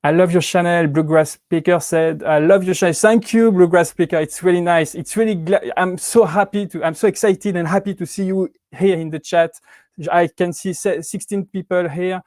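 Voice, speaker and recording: A Swiss man in his thirties with a French accent runs a YouTube prop-making channel and hosts a relaxed livestream from home, where his cats are around. His slightly high, somewhat mellow voice comes in hesitant bursts packed with restarts, fillers and frequent laughter. The recording is dry and close.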